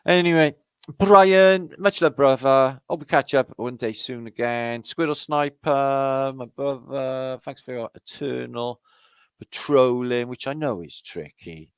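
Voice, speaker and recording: A middle-aged Welsh man from Wales hosts a casual livestream, greeting viewers in the chat with rambling, sweary banter. His mid-range voice has a clean tone and a slightly slow pace, recorded dry.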